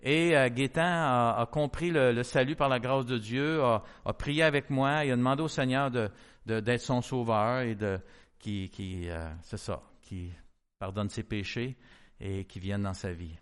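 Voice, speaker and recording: A man's voice: medium pitch, a little slow, clean tone. A middle-aged man with a Québécois French accent, a pastor telling a story in a sermon and acting out the dialogue. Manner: lively storyteller who acts out quoted dialogue. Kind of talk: testimony-style sermon storytelling.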